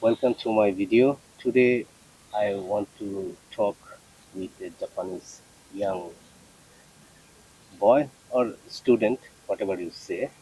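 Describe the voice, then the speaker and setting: A man hosting a video and asking a student questions in halting English full of "uh". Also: lowish voice, mellow, slight background noise, low-quality recording. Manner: halting, filler-heavy questions in non-native English. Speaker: interviewer and video host. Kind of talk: casual interview questions.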